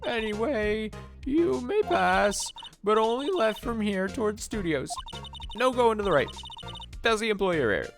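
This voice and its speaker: A man's voice: high-pitched, animated, measured pace, vocal fry, over music, voice pushed up, heavily acted. A man voicing a cranky, officious old female security guard with a haughty, scolding manner in a video game read-aloud. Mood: bossy, stern. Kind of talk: hobby video game voice-over.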